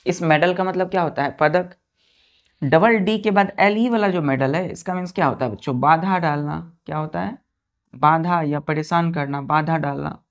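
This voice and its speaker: A woman teaching English vocabulary in an exam-prep lesson, spelling words letter by letter, repeating each meaning patiently and quizzing her pupils. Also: low-pitched.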